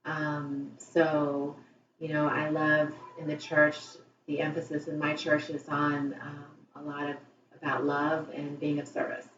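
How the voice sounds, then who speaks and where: A low-pitched woman answers candidly, reflecting as she goes. Her voice has been re-recorded off a television speaker, so it sounds faraway and echoey. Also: completely flat delivery, measured pace, background noise. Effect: re-recorded through a TV speaker. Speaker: interviewee. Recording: echoey, dull, distant TV re-recording.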